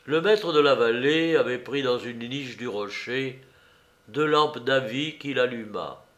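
A man narrating a novel as an audiobook, reading in a measured way that slows and drops at the ends of phrases. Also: mid-range voice, fairly bright tone, lo-fi sound.

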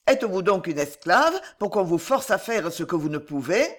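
A reader voicing a menacing male bullfighter who speaks with calm, cold scorn. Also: medium pitch, normal speed.

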